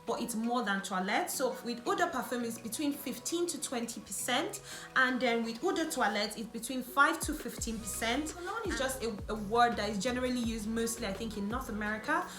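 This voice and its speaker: A beauty and lifestyle vlogger whose first language isn't English explains things to camera, chatty and correcting herself as she goes. Her voice is a little high and fairly quick, recorded in an echoey room with faint music.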